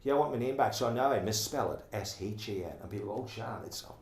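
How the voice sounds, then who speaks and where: A man's voice: on the low side, fast, echoey room. A middle-aged man from Donegal with an Irish accent, talking earnestly in an oral history interview and often restarting his sentences. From Ireland.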